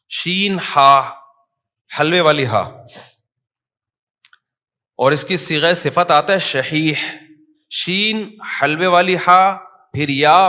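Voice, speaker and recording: Man with a Pakistani Urdu accent, sermon in a mosque; bright, fairly high voice, chatty preaching style that keeps asking the crowd questions. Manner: conversational preaching, quizzes the audience with questions. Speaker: mufti giving a Friday talk.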